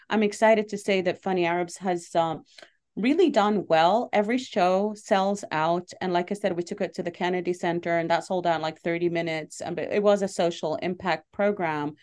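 Speaking on the low side with a darkish tone, a middle-aged woman from Lebanon fields interview questions. She's a comedian and show producer, earnest and chatty, full of fillers and quick to laugh.

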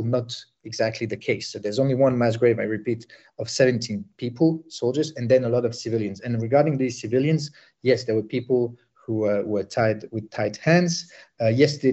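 Bosnian-born male war correspondent, halting field report, dark voice over a dull line. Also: mid-range voice. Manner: halting, many fillers and restarts.

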